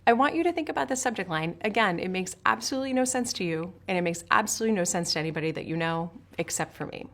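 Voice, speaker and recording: A woman's voice: lowish voice, lively intonation, fast talker. A woman from Switzerland narrating a sales course in an upbeat, emphatic coaching manner, speaking straight to the viewer. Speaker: sales instructor.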